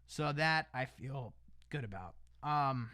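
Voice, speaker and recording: A man's voice: mid-range voice, lively intonation, slow, sharp tone, dry recording, studio quality. A man talking casually on his livestream, rambling with lots of restarts, tossing in "bro" and "man" and laughing between lines. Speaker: livestream host.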